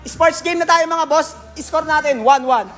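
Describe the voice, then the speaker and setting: High, bright-voiced Filipino man chatting. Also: unhurried, faint music behind. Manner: jokey, teasing, laughs often, calls viewers "boss". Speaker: livestream host at a billiards hall. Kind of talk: casual livestream chat reading comments.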